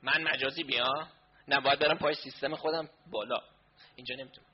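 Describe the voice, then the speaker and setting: A man's voice: mid-range voice, fairly even intonation, husky, highs cut off. A man presenting a live online class, flustered as he sorts out connection and sound problems aloud. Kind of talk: casual talk during a live online session.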